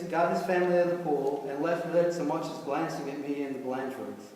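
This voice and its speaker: A man's voice: fairly high pitch, darkish tone, slight background noise. A man reading his own short story aloud at a live reading, with dry, wry delivery. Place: reading venue hall. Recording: echoey hall, far from mic.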